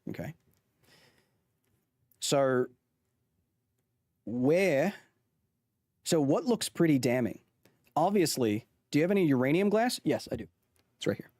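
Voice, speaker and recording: This is a casual livestream where a man talks his chat through a chart in a put-on Australian accent, rambling and repeatedly restarting or correcting himself. His voice is a little high and expressive, with a measured pace, long pauses and a darkish tone. It's studio quality with no room sound.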